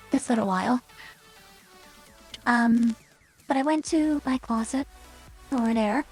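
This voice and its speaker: A woman's voice: fairly high pitch, darkish tone, husky, low-quality recording. A woman VTuber chatting casually on stream through a staticky voice changer that cuts out, rambling with hesitant fillers.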